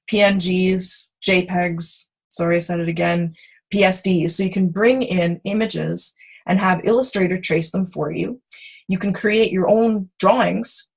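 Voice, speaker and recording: Woman, software instructor, video call, lowish voice, husky, chatty, self-correcting. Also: rough recording. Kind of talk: screen-share tutorial.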